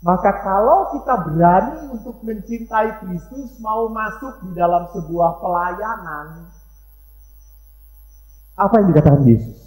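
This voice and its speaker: Animated, humorous priest in an echoey hall. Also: male voice, high voice, a little slow. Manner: animated and humorous storyteller, varies his loudness a lot. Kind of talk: seminar talk with anecdotes.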